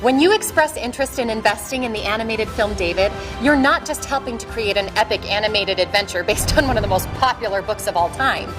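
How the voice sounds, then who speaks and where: A woman's voice: medium pitch, fast talker, few pauses. A woman reading an upbeat, salesy promotional voice-over with playful asides. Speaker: ad narrator. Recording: voice-over with clear music behind. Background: music.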